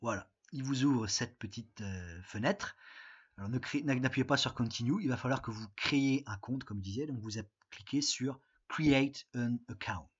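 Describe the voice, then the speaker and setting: Recording a remote lesson with dull lo-fi sound, an English teacher from France guides his students patiently step by step, filling his speech with fillers. His voice is medium in pitch with a breathy edge, delivered at normal speed.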